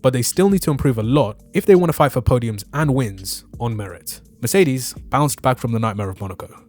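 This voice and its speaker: A man's voice: mid-range voice, darkish tone. A man giving opinionated, scripted motorsport commentary in casual fan slang, as a video creator reviewing a race. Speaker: motorsport YouTuber reviewing a Formula One race. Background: background music.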